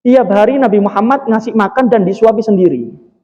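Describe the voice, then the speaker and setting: A man's voice: high-pitched, fairly quick, a little mellow, lo-fi sound, close to an everyday voice. Man voicing a respectful young daughter, echoey mosque hall. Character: respectful young wife speaking to her father.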